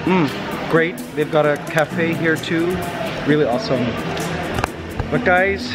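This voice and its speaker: Upbeat male travel vlogger, 30s, high-pitched, exclaiming often, handheld camera outdoors. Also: slow pace. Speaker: vlogger host. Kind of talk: casual travel vlog. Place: outdoors on streets, a tricycle and a small boat. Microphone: camera held at arm's length. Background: loud background music.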